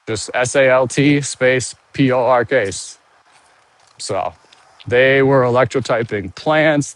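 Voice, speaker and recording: A man out of breath from walking, rambling and thinking aloud with restarts while he live-streams outdoors and reads viewer comments. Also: medium pitch. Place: outdoors, walking around a monument.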